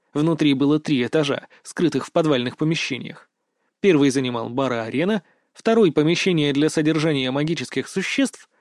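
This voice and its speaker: A man narrating a first-person fantasy story in a steady, even storytelling read. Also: fairly high pitch, dry recording, clean studio sound. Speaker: audiobook narrator.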